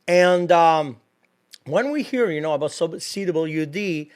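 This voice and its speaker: Man, French accent, native French speaker, animated podcast guest, laughs often, high voice. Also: measured pace. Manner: animated, laughs often, searches for English words. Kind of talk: casual interview.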